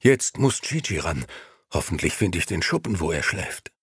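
Man putting on a husky, panting old road sweeper. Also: deep voice, very animated, moderate pace, a bit bright, dry recording, studio quality, full character voice. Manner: breathless, gasping. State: out of breath.

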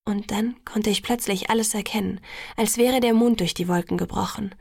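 A woman narrating a novel in the first person in a hushed, breathy half-whisper. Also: mid-range voice, moderate pace, no echo. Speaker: audiobook narrator.

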